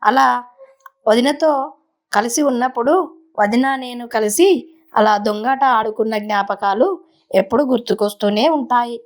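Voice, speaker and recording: A woman narrating a first-person story in a conversational, unhurried way, with small restarts. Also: on the high side.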